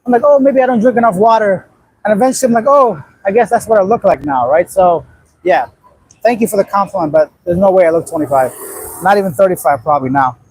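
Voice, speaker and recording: This casual livestream features an Afghan host in his late thirties who bluntly rambles in response to viewer comments. He talks quickly in a high, slightly mellow, husky voice, and the rough recording has no room sound.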